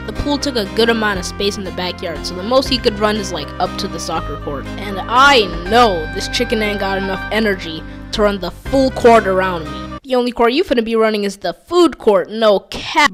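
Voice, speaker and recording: Playful young woman telling a storytime. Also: medium pitch. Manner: playful, joking, slang-heavy. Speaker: animator telling a childhood story. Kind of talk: animated storytime narration. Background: background music.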